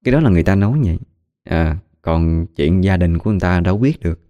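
A man's voice: low voice, fast, mellow. A man with a Southern Vietnamese accent telling a ghost story in a chatty, gossipy way.

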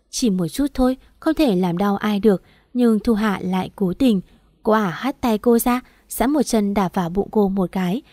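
A woman narrates a story in a steady, measured reading. Her tone is dark and mellow, and the sound is dry and close to the mic. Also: mid-range voice, no room sound.

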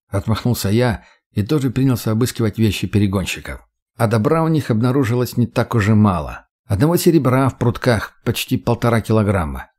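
Brief: male narrator, steady matter-of-fact audiobook reading at a mid pitch. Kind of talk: first-person fiction narration.

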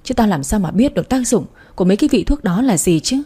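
A blunt, harsh elder sister who speaks with open scorn, as a woman narrator plays her. Her voice is husky and dark. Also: medium pitch, expressive, quick pace. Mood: bitter confession.

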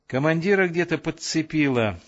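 A man's voice: a little high, animated, normal speed, muffled recording, pitched above the performer's own voice, close to an everyday voice. A man voicing a younger woman who teases with a smile. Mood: teasing. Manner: teasing, smiling. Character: teasing younger woman in a storeroom.

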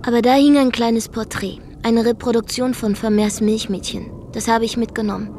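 A woman's voice: on the high side, fairly even intonation, normal speed, mellow, slight background noise, lightly acted. An actress narrating a radio drama monologue as a brash, defiant young woman from Zeeland, with a dry, wry storytelling manner. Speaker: first-person narrator.

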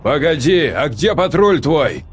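A hard-bitten army captain barks short, clipped orders at his men, played by a man reading a story aloud. His husky voice is pushed up and loud. He sounds stern and impatient. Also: fairly high pitch, sing-song, measured pace, soft background music, pitched above the performer's own voice, exaggerated voice. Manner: barking terse orders.

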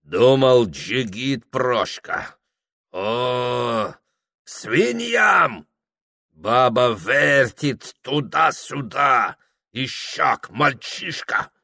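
A man voicing a gruff old Circassian servant who talks bluntly and gloomily. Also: mid-range voice, animated, extremely slow, bright, forceful tone, voice pushed up, exaggerated voice. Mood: scolding.

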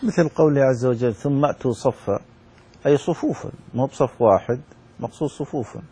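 A sheikh teaches a religious class, stepping in with short remarks that explain what has just been read. He has a husky voice at an ordinary pitch for a man. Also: a little fast, mellow. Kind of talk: teacher's spoken comments on a reading.

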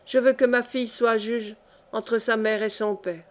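Audiobook part: woman reading a bitter aristocrat, cold and measured. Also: fairly high pitch, fairly even intonation, lightly acted.

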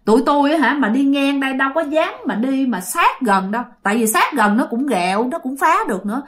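Woman as boat rescuer, scolding, exclaiming, high animated voice. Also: brisk.

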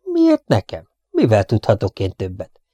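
A man's voice: on the low side, expressive, a little mellow, no echo. A man voicing a cheeky, mocking young male rogue in a storybook reading. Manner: sarcastic.

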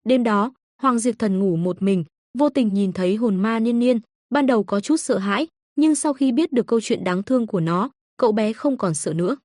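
Slightly high-voiced woman audiobook narrator. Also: normal speed, hardly any pauses, a little mellow, no echo, studio quality.

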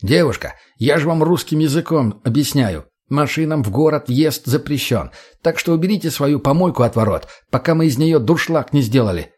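A man's voice: fairly high pitch, animated, moderate pace, darkish tone, husky. A man reading an audiobook, voicing a curt, dismissive bearded gate guard.

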